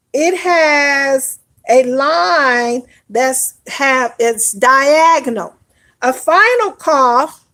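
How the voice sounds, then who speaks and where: Slow-talking woman teaching a class. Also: high voice, bright, forceful tone. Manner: slow, repetitive, checks in with "all right?". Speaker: Hebrew teacher. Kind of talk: online class lesson.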